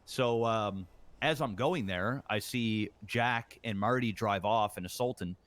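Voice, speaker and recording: A man's voice: lowish voice, unhurried, a bit bright, no room sound. A man in character in a roleplay game, telling a long story with lots of ums and uhs and acting out what others said. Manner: rambling retelling, full of ums and uhs, acts out quoted lines. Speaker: roleplay gang member.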